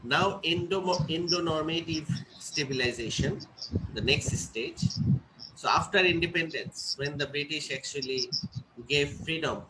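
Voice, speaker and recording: A man teaching an English class, explaining step by step and often checking whether students follow. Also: mid-range voice. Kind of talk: classroom lecture. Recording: noisy classroom recording.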